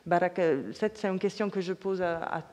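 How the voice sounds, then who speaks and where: A woman's voice: on the low side, normal speed, darkish tone. Woman moderator asking questions in a hall. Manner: searching, restarts often while framing questions. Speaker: panel moderator. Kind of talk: moderating a panel discussion. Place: conference hall. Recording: reverberant lecture hall.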